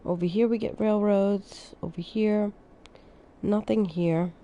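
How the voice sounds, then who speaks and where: Female game streamer, drowsy and easygoing, dark mellow tone, unhurried delivery. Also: mid-range voice, highs cut off. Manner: relaxed, thinking aloud, unhurried. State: sleepy, yawning. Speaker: streamer playing a city-building game. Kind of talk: casual gameplay commentary.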